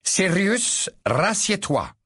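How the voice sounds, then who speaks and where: A man voicing a gentle, measured mentor who speaks slowly and deliberately. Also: high voice, sing-song, husky, dry recording, clean studio sound, voice pushed up, heavily acted. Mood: firm. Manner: slow and deliberate, slightly raised. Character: gentle, measured older friend and teacher.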